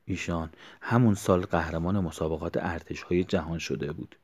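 Brief: male storyteller, very low voice, hushed and near-whispered delivery. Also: fairly even intonation. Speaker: narrator. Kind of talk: storytelling narration.

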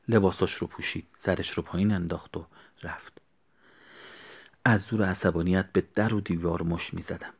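A man narrating a story in a quiet, hushed way that often drops near a whisper. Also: sits low, breathy edge.

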